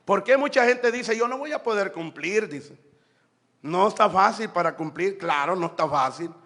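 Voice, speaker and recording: A male pastor preaching a fiery sermon, shouting phrases and crying out hallelujah. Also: high-pitched, lively intonation, moderate pace, long reverb tail. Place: church.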